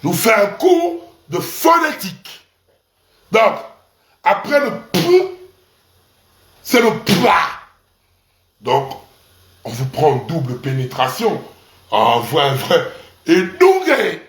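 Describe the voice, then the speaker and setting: In an echoey room, a male online commentator with a high voice swings his pitch hugely, speaking slowly and pausing often. His mocking rant to camera is crude and provocative, ridiculing the audience and repeating syllables for emphasis.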